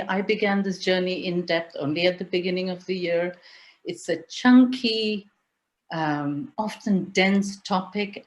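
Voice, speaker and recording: A middle-aged woman who grew up in India presents an online webinar over a video call. Her voice is on the low side, and she speaks in a measured, step-by-step way.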